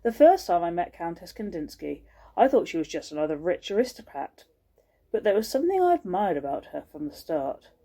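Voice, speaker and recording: A woman teacher reading a storybook aloud to children, expressive and pausing to show the pictures. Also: on the low side.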